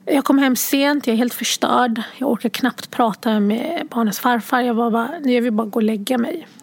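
A woman recounts a personal story, tearful and halting. Her voice sits a little high and often drops to a hushed, near-whispered tone as she searches for words. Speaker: guest sharing a personal story.

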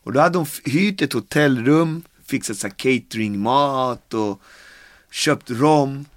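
A man's voice: medium pitch, dry recording, studio quality. En man i fyrtioårsåldern från Karibien som berättar sin historia i en intervju, livligt och med många utfyllnadsord. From Caribbean. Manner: animated retelling with acted quotes and many fillers. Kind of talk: casual storytelling. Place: home with dogs.

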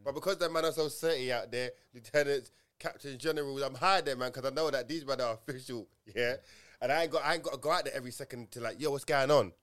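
A man's voice: medium pitch, quick pace, fairly bright tone. A man with a London roadman accent in casual podcast chat, making points emphatically with heavy slang and repetition. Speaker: podcast co-host.

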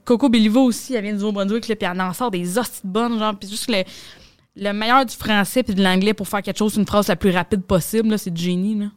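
A young woman comedian from Quebec, with a Québécois French accent, appears as a podcast guest telling stories in rapid, slangy, animated chat. Her mid-range voice comes through clean studio audio with no echo.

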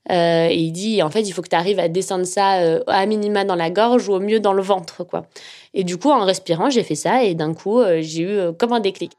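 A young woman, a journalist, telling her own story in a relaxed, hesitant way, with a slightly nasal voice and many fillers. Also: mid-range voice, fairly quick. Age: young adult. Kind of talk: casual personal storytelling.

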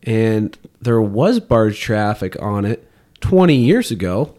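A man's voice: lowish voice, sing-song, takes it slowly, dark tone. Easygoing man telling fishing stories. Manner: rambling anecdotes with easy chuckles. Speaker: podcast guest, fishing guide. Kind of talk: casual storytelling chat.

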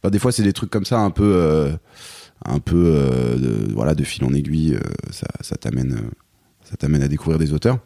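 A man, a guest in a casual interview, talking haltingly with many fillers and restarts. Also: very deep voice, animated, gravelly, warm tone, no echo, clean studio sound. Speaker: guest, songwriter and performer.

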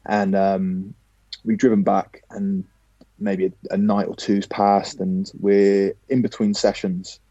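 A man with a dark, slightly husky voice spins a lively anecdote as a podcast guest. He talks casually and swears now and then. The sound is dry and a bit dull and lo-fi. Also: on the low side, slow, no echo. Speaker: guest, professional footballer.

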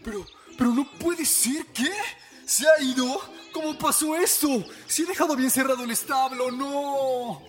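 A man voicing a young farm girl who cries out in alarm and pain, over clear background music. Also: mid-range voice, moderate pace, few pauses, natural voice. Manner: frantic, pleading cries.

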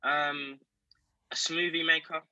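A man's voice: fairly high pitch, flat delivery, slow pace, bright, forceful tone, dry recording, dull audio. A man with a South London accent, chatting casually as a guest in an interview. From South London, England. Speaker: podcast guest.

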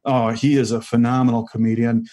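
A man in his forties, a comedian, telling his story in a casual interview, halting and full of fillers, laughing easily. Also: medium pitch, level tone, dark tone. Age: 40s. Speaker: guest comedian.

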